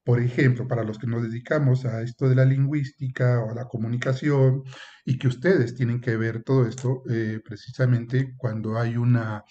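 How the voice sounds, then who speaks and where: A male professor lecturing in an even, mid-pitched voice, explaining point by point and filling pauses with hesitant fillers. He now and then slips into short acted exchanges to make a point. The recording sounds muffled and lo-fi. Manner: explanatory, with frequent "eh" and "este" fillers; acts out short example dialogues. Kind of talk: university lecture.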